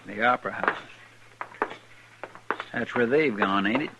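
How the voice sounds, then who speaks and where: An actor playing a loyal, fretful deputy sidekick, who speaks in an anxious, deferential drawl, in 1950s radio drama style. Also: male voice, mid-range voice, measured pace, vocal fry. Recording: dull, noisy old radio recording.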